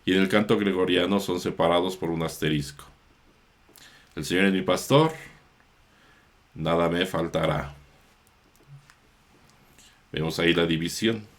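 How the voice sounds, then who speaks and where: Male priest-teacher, low-pitched, measured, unhurried, pausing to correct himself. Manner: slow, measured, with small self-corrections. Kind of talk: explanatory chant lesson.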